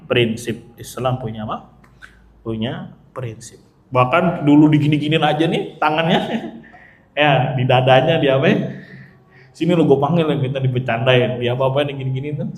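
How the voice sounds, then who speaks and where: A man with a mid-range voice gives an Islamic study lecture, asking his audience questions and then answering them himself, with chatty, joking asides. The sound is roomy.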